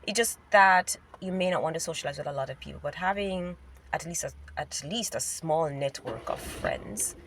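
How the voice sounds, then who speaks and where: Driving in city traffic, a Jamaican woman vlogs to camera, thinking out loud with plenty of filler words. She has a deep voice at a moderate pace, congested and slightly nasal, and she's far from the set-back mic, with loud road noise around her.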